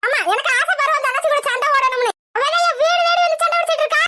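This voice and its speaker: A woman voicing a sharp-tongued, quarrelsome village mother in a cartoon, shrill and scolding. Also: quick pace, very noisy. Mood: scornful. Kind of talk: cartoon voice acting.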